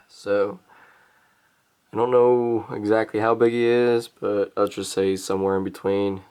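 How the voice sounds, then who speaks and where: Man, low gravelly voice, casual vlog storytelling, rambling with fillers. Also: darkish tone. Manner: rambling, many "um" and "pretty much". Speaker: hunting vlogger.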